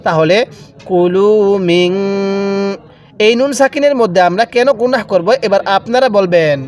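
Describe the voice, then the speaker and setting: High-voiced man teaching slow recitation. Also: expressive, faint music behind. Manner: drawn-out chanted recitation of each word between explanations. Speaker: Quran reading teacher. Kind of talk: slow step-by-step recitation lesson.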